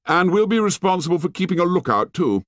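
A man voicing a bossy, boastful boy who gives orders in a brisk, commanding way. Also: sits high, very animated, fairly bright tone, no echo, studio quality, voice pushed up.

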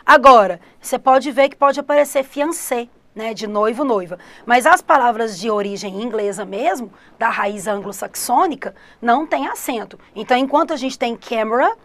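A middle-aged Brazilian woman teaching an online English exam-prep lesson, lively and speaking straight to her students. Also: fairly high pitch, normal speed, few pauses. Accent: Brazilian Portuguese. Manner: lively, addresses students directly, refers to herself as teacher.

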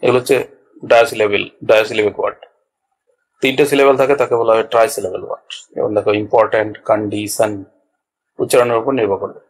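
A man's voice: lowish voice, fairly even intonation, racing, rough recording. A man teaching a basic grammar lesson, patient and explaining each point step by step with small checks to his students. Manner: patient, repeats points with checks like "all right". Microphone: small clip-on mic.

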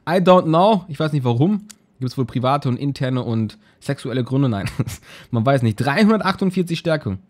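A man talks his way through a game, chatty and rambling, echoing the same words over and over as he browses. His pitch jumps around a lot and stays lively. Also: moderate pace. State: yawning, just woke up. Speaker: let's play host. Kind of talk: casual gameplay commentary.

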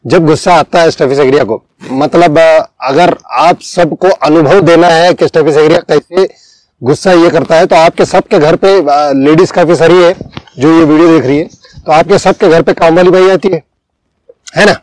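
A man with an Indian accent in a casual homeopathy discussion, talking in an animated way and acting out the people he quotes. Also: on the high side, moderate pace, dry recording, poor audio. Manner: animated, acts out quoted speech. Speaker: homeopathy teacher.

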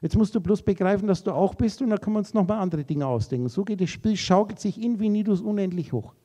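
High, dark-toned man giving a rambling lecture. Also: lively intonation, quick pace. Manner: rambling, associative wordplay on names and letters; addresses listeners directly and informally. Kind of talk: spiritual lecture to a live audience. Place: lecture room.

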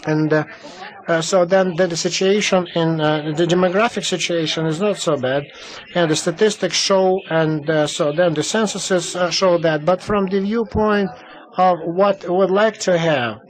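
A man giving simultaneous interpretation at a panel discussion, halting, with many fillers and restarts. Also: high voice, steady tone, low-quality recording. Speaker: conference interpreter.

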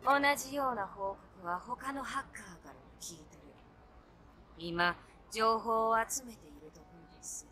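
A woman's voice: fairly high pitch, normal speed, pushed and bright. A woman voicing a polite but menacing young female hacker in a video game, with a Kyoto Japanese accent and old-fashioned courtly phrasing. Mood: composed, businesslike. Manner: genteel Kyoto dialect with archaic courtesan-style phrasing.

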